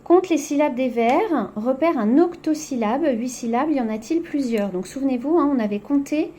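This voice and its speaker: A woman's voice: sits high, lively intonation, moderate pace, dark tone. A woman teacher going over a poetry exercise in a recorded lesson, explaining step by step with frequent "donc" and "hein".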